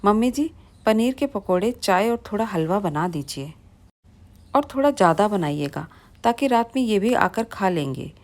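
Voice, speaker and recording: A selfish young wife who gives curt orders without pity, read by a woman. The storybook delivery stays at a middling pitch, brisk and commanding. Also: animated, lightly acted. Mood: bossy. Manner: bossy, curt. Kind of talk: storybook reading.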